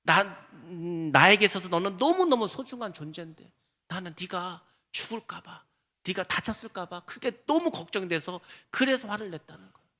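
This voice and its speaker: A man's voice: sits high, expressive, moderate pace, bright, forceful tone, long reverb tail, exaggerated voice. A man voicing a stern older king who scolds his son in a sermon story out of hidden fear. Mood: anxious scolding. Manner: gruff scolding, then tender.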